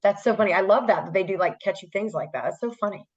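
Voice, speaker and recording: A woman's voice: medium pitch, highs cut off. A woman co-hosting a podcast, chatty and agreeable. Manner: agreeable, chatty, quick to laugh. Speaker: podcast co-host. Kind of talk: casual chat.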